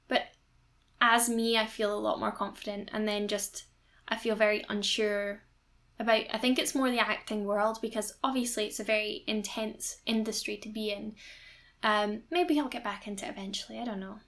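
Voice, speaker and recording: A woman's voice: mid-range voice, fairly even intonation, moderate pace, fairly bright tone. A young woman, chatting enthusiastically over a game build video as a YouTuber. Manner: chatty and enthusiastic, rambling storytelling.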